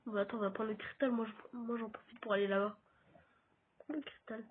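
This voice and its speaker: French-accented male let's-player, breathy tone, lo-fi phone-quality mic, chatty to camera. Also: high-pitched, fairly even intonation, fairly quick. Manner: chatty, talks straight to viewers while playing. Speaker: gaming YouTuber. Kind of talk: casual let's-play commentary. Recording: tinny phone-like audio.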